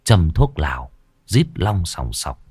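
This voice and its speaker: A man narrating a village horror story in a dramatic, expressive storytelling manner. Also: deep voice, takes it slowly, slight background noise.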